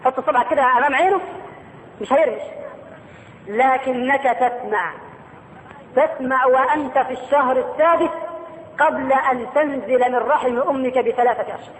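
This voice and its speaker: A middle-aged Egyptian man delivers a sermon in a strikingly high voice, often pausing to question his listeners. His words carry a long reverb, as if he is in a large hall. A faint hum of ambience sits behind him. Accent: Egyptian Arabic. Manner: animated, questioning the audience, dramatic slowdowns. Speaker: preacher.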